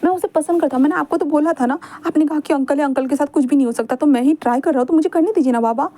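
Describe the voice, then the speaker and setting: A woman's voice: high voice, racing, mellow, voice pushed up, lightly acted. Woman voicing a whiny, pleading young omega man. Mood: wheedling. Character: dramatic young male omega, clingy and scheming. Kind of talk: fan fiction read-aloud.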